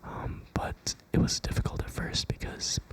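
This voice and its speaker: Young adult ASMR creator, fully whispered pep talk, gentle, reassuring and unhurried delivery. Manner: whispering throughout.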